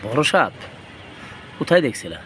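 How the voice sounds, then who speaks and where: A man's voice: medium pitch, big pitch swings, normal speed, very noisy. A man, a father filming his children and playfully coaxing them to recite and pose. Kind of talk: casual home video.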